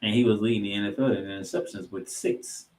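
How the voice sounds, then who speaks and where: On a sports podcast, a man recaps the action with stats, hitting names and numbers emphatically. His voice is on the low side and he talks fast with a flat delivery. The room is roomy and echoing.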